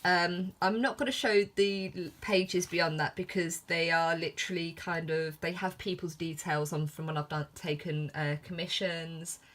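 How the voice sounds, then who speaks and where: A woman's voice: lowish voice, steady tone, normal speed, hardly any pauses, a bit bright. A woman with a lisp talking casually and hesitantly through a sketchbook as an artist, in a giggly, self-deprecating way. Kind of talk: casual vlog commentary. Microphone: filmed on iPhone.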